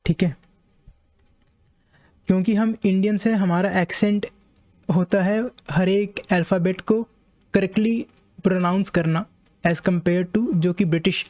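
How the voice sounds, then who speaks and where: An Indian man, an English teacher with an Indian accent, calmly explaining a point to his viewers and slowly reading passages aloud. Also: high-pitched. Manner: measured, repeats points, reads English slowly.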